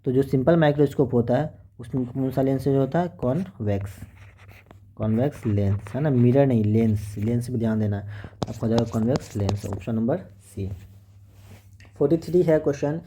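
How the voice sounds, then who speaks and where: A man's voice: medium pitch, a little fast, mellow, slight background noise. A man teaching an exam-prep lesson, working through questions in a chatty, coaxing way and often checking with the class.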